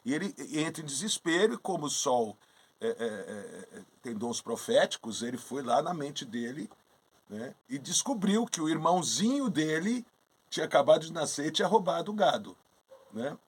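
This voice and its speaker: This man's voice is fairly high and husky, at a moderate pace. As an astrologer co-host in a casual storytelling chat, he retells an old myth with animation, acting out the characters' lines as he goes.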